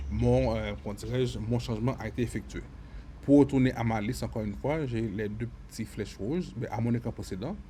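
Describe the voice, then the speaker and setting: A man giving a screen-recorded software lesson, often repeating words and filling pauses as he explains. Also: medium pitch, a little hiss or hum. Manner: stammering repetitions, many fillers. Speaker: software tutorial instructor.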